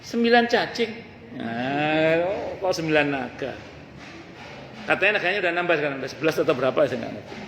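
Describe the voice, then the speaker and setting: A man gives a mosque study sermon, telling stories with jokes and acting out the people he quotes. His voice sits somewhat high for a man. It rings through a large echoey hall over a faint hum. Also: animated, a little fast, fairly bright tone. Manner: humorous storytelling, acts out quoted speakers. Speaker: preacher teaching a study circle.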